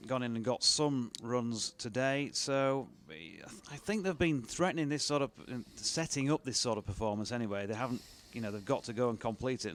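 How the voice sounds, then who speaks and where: A man doing relaxed, chatty ball-by-ball radio cricket commentary. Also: mid-range voice, slight background noise. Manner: relaxed, chatty, with fillers and laughs between balls.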